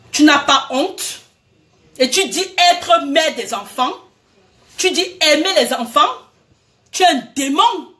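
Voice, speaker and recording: A woman's voice: high-pitched, bright, forceful tone. A woman, ranting heatedly at people she addresses directly, accusing them and repeating herself. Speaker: vlogger. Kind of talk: angry direct-address rant.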